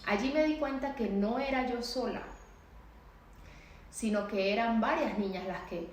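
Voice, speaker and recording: A woman's voice: fairly high pitch, unhurried, slight background noise. Emotional woman telling her story, echoey room. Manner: emotional, repetitive, pleading. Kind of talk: personal testimony.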